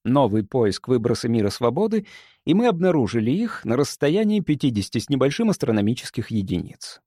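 A man reading a first-person audiobook in an expressive, dramatic way. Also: mid-range voice, a little fast, dry recording. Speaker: audiobook narrator.

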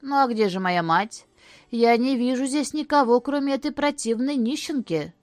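A woman's voice: on the high side, lively intonation, normal speed, no echo, pitched above the performer's own voice, close to an everyday voice. A woman voicing a vain, cruel boy who speaks with sneering contempt in a storybook reading. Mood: angry.

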